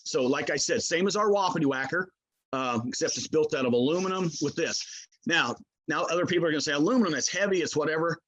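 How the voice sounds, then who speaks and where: A man's voice: a little high, fast, fairly bright tone, highs cut off. A man explains his products in a casual interview, talking in a folksy, hesitant way as he works through the details. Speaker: game call maker, product expert.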